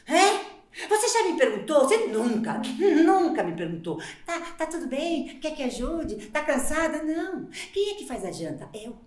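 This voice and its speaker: A fiery, overworked housewife. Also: female voice, big pitch swings, moderate pace. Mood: indignant. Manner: emotional, swings from hushed pleading to shrill outbursts. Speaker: stage actress in a monologue. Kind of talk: live stage theater acting. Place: theater stage. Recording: echoey theater stage.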